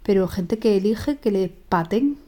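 A woman's voice: mid-range voice, expressive, measured pace, dark tone. A woman co-hosting a casual podcast, speaking with dry humor. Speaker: podcast co-host. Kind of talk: casual chat.

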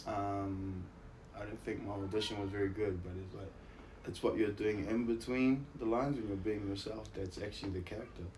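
Low-voiced man with a broad Kiwi accent. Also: steady tone, normal speed, hardly any pauses, a little mellow, a little hiss or hum, low-quality recording. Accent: broad New Zealand. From New Zealand. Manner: laid-back, slangy, self-deprecating. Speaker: interview guest, actor and musician. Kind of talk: casual chat, anecdotes.

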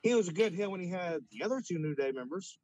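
A man co-hosting a podcast, chatting casually about wrestling and quick to push back. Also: sits high, animated, darkish tone, dry recording. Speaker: podcast co-host.

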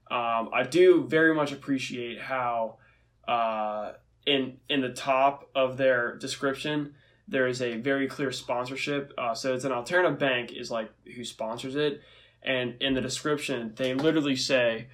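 A young man from the United States co-hosts a podcast in relaxed sports talk. His voice sits at an ordinary middle pitch for a man. He rambles along chattily and drops dry, sarcastic jokes. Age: young adult. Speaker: podcast co-host. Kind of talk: casual sports chat.

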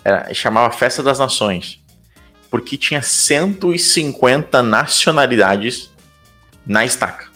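A man's voice: mid-range voice, expressive, a little slow, sharp tone, faint music behind. A young Brazilian man with a Brazilian Portuguese accent, talking casually as an interview guest and leaning on fillers like "cara" and "tipo".

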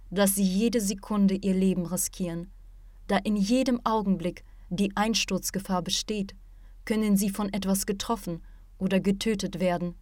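A calm male martial arts teacher lectures his student in a measured, patient voice, as a woman reads him aloud. The pitch sits in a middling range. The audiobook recording is dry and close. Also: no room sound, natural voice. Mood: explaining.

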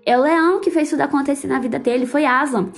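A woman's voice: high-pitched, quick pace, gravelly, soft background music. A woman hosting a podcast, talking about a book in a heartfelt, fervent, casual way with religious exclamations. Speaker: podcast host. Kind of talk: emotional casual book commentary.

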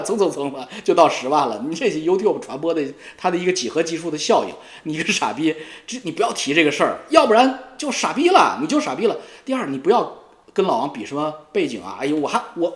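A man rants in a taunting, profane monologue, as a YouTube commentator goes after a rival. His voice sits a little high and swings widely in pitch. The recording has a roomy echo. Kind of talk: ranting monologue.

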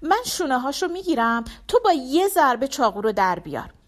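A woman's voice: high-pitched, sing-song, pitched above the performer's own voice. A woman voicing a practical young woman giving urgent instructions while treating a wound, in an audiobook.

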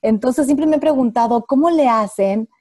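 Host: Mexican woman, warm and mellow, lively curious questioning. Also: high voice, moderate pace, no room sound. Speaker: host leading a group conversation. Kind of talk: casual group chat.

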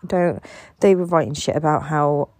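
A woman's voice: sits low, normal speed, darkish tone, dry recording. A tired woman in a candid solo podcast monologue, rambling and swearing a lot, frustrated and raw.

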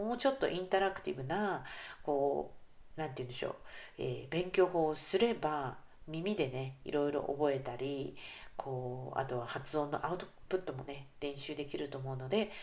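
Low-voiced woman hosting a chatty podcast. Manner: chatty, warm asides with frequent "ne" and fillers. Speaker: podcast host and English coach. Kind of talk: casual solo podcast talk.

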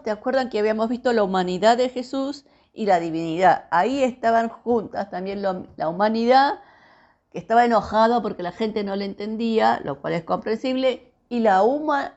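A woman's voice: on the high side, darkish tone. Woman teaching a devotional on muffled audio. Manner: conversational, asks the listener questions. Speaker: preacher. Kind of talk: scripture reading and devotional teaching.

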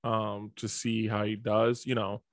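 A man's voice: fairly low pitch, flat delivery, measured pace, dry recording, clean studio sound. A man co-hosting a sports podcast from his home computer setup, chatting loosely and rattling off stats. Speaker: podcast co-host. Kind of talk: casual fantasy football chat. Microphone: home computer setup mic.

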